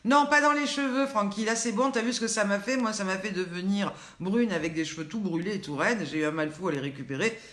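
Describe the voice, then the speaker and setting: An older woman with a Southern French accent talks fast and with few pauses, her mid-range voice a bit bright. Hosting a casual live cooking chat online, she jokes and speaks directly to viewers by name, with roomy echo around her.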